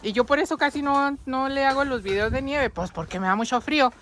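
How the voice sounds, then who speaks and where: A woman's voice: high voice, fairly quick, fairly bright tone. Female vlogger, casual walkthrough on a phone outdoors, faint noise. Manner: chatty, addresses viewers constantly. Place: outdoors in deep snow.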